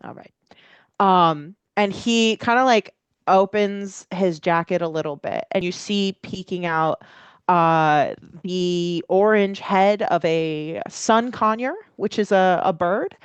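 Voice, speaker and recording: A woman narrates a tabletop game as game master in a fairly low, clear voice. She builds descriptions hesitantly, improvising as she goes. The recording is dry and close. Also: slow pace, dry recording.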